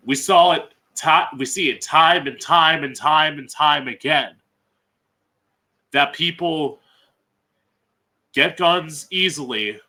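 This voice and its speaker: Drag queen host, American man: slow-paced, bright and sharp, blunt opinionated solo commentary. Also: medium pitch. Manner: blunt, emphatic, frequent swearing.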